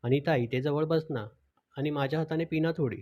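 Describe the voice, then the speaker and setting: Storybook role: teasing tipsy brother-in-law, read by a man, mellow and a touch high. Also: a little fast, lightly acted.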